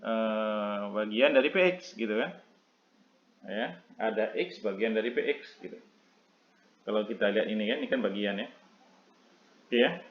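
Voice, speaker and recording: A man giving a casual math lecture, checking in often with listeners and filling pauses with "eh" and "oke ya". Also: lowish voice, muffled recording. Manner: checks in constantly with listeners, many fillers.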